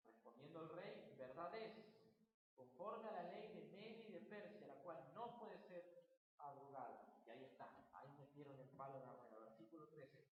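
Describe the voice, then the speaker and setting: A woman preaching a Sunday sermon, reading scripture aloud emphatically, repeating key phrases and asking rhetorical questions. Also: on the low side. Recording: very echoey hall, faint background noise.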